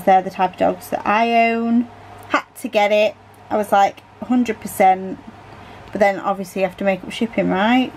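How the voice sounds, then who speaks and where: A British woman chatting unhurriedly while she crafts at home, her pitch sitting in an ordinary middle range. She rambles and corrects herself in little asides. A faint hum of room noise sits under her voice. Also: a little mellow, rough recording. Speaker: crafting vlogger. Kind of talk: casual chat while diamond painting.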